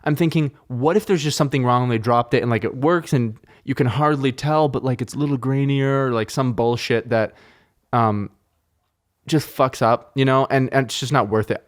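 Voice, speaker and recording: A man's voice: mid-range voice, fairly quick. A man hosting his own podcast, chatting casually into a podcast microphone indoors, rambling and swearing cheerfully. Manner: rambling, profane, upbeat. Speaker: podcast host. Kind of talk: casual solo podcast chat. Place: indoor room.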